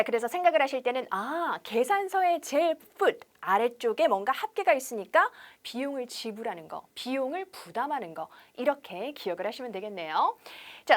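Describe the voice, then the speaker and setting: A woman teaching English on television. She explains in Korean, asks rhetorical questions and drills example sentences slowly. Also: high voice. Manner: lively instructor patter with rhetorical questions.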